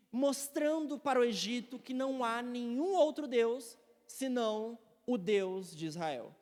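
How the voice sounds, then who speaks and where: A woman's voice: fairly high pitch, a little mellow. Woman teaching Bible study in a hall. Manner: explanatory, often adds "né" tag questions. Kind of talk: church Bible study lecture with slides.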